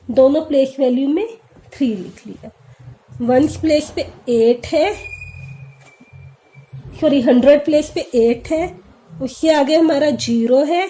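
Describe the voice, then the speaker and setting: In a children's classroom math lesson, a woman with a high, warm voice walks through the material step by step. She often poses questions and then answers them herself.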